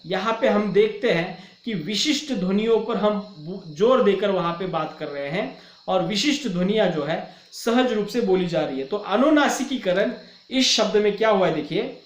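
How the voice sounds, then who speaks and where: A man giving a recorded lecture, explaining slowly and stretching out example words. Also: high voice, reverberant.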